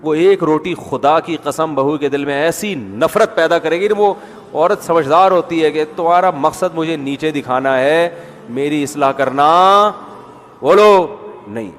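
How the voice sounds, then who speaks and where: A man giving a sermon in a conversational style, full of rhetorical questions and little impressions of people. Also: on the high side. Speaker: preacher. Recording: echoey hall with faint music.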